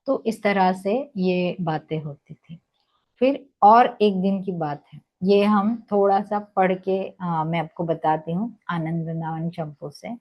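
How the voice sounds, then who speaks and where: A woman narrating a devotional children's story gently, with many pauses and hesitation sounds. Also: lowish voice, dull audio.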